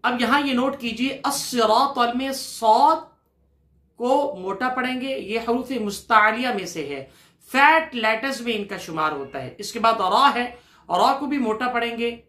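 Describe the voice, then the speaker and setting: A man teaching Quran recitation. He chants each word slowly and draws it out, has the listener repeat after him, then explains briskly and answers his own questions. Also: very high voice, sharp tone, reverberant. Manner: patient, asks questions to the listener and answers them himself. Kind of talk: recitation lesson with call-and-repeat.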